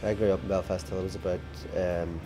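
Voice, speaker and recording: A man's voice: sits low, level tone, fast talker, over music. A man with a Northern Irish accent, a rock band drummer, telling stories in a casual interview chat with plenty of fillers. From Northern Ireland. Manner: chatty storytelling with fillers.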